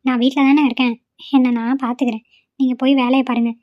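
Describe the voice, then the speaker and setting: A woman's voice: high-pitched, flat delivery, fast talker, no echo, lo-fi sound, lightly acted. A woman voicing a young wife in a cartoon, brushing off her husband's worry. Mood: reassuring. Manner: reassuring, dismissive of worry.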